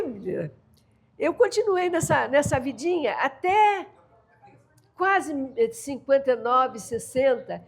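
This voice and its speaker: This older woman, a guest storyteller from the São Paulo coast of Brazil, recounts folk tales in caiçara-accented Brazilian Portuguese. Her high voice carries vocal fry, and she is lively and laughing, playing out family members' lines in dialogue.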